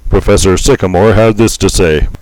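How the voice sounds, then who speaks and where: Man reading a deadpan parody newscast. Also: low voice, moderate pace, no room sound, rough recording. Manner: deadpan anchor delivery. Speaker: mock news anchor.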